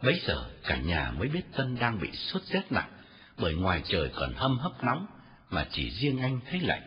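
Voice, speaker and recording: A man narrating a story with a very expressive, varied delivery. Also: lowish voice, moderate pace. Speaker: audiobook narrator. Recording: dull lo-fi audio with faint music.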